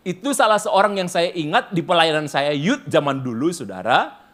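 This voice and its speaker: A man's voice: a little high, very animated, normal speed, fairly bright tone. A man in his fifties preaching a sermon as a pastor, telling a story and acting out the voices of the people in it. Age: 50s.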